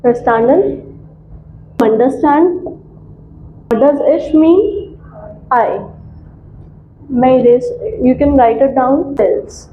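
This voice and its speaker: Woman teacher, high voice, very slow repetitive drilling, phone-thin echoey classroom sound. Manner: drills letters slowly, repeating each sound. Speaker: language teacher. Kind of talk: classroom lesson. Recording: tinny, echoey room with faint hum.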